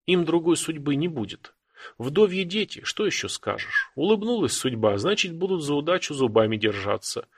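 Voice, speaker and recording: A man reading an audiobook, voicing a sharp-tongued, bossy old Cossack grandmother who scolds and snorts, in a gravelly, husky voice. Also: fairly high pitch, big pitch swings, normal speed, voice pushed up, heavily acted. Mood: sighing, certain.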